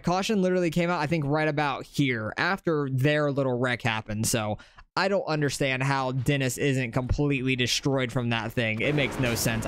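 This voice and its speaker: A young man casually commentating his own racing game, excitable and rambling. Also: mid-range voice, slight background noise. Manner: chatty, excitable, rambling with fillers. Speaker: gaming channel host.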